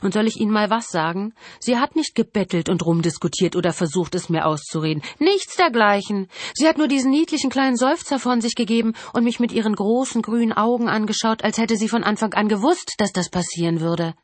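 A woman's voice: medium pitch, a little fast, few pauses, no echo, pitched above the performer's own voice, close to an everyday voice. A woman reading an audiobook, voicing a callous male killer who taunts casually and cruelly. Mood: gloating.

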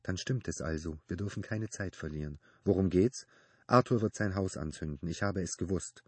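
A quiet, earnest woman, as a male reader voices her in a low, husky tone that is softer than his narration. The sound is dry and close, like a storybook reading. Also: normal speed, dry recording. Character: calm, worried adult woman.

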